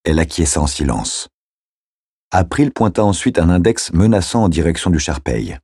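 A man reading a novel aloud as narrator in a measured, steady way. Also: sits low, breathy edge, no echo, studio quality. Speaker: audiobook narrator. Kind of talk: scripted narration.

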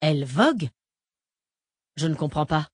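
A woman's voice: low voice, expressive, measured pace, breathy edge, no echo, studio quality, exaggerated voice. A woman reading a defiant captive male lawyer. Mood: sneering. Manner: blustering, cursing. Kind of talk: audiobook character reading.

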